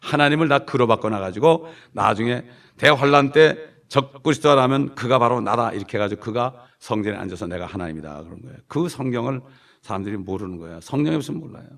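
A man's voice: mid-range voice, lively intonation, quick pace, fairly bright tone. A man preaching a sermon with emphasis. He stretches out repeated phrases and drops to a mutter at the ends of lines. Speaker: pastor. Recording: distant gravelly room recording.

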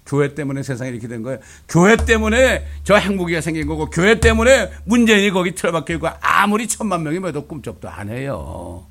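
A man's voice: a little high, sing-song, fast, hardly any pauses, a bit bright. A male pastor preaching a fiery, blunt sermon, with coarse insults thrown in.

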